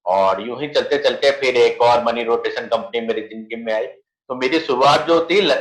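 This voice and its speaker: Indian guy telling his life story on a zoom call, mid pitch, kinda echoey room. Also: moderate pace. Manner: storytelling, conversational and earnest. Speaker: network marketing leader. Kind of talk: personal success story on a video call. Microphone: video call.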